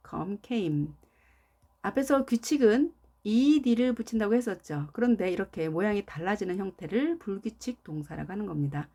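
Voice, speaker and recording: Slow, deliberate woman teaching English. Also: medium pitch, darkish tone. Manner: slow, deliberate, models English sentences for repetition. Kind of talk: slow instructional lesson.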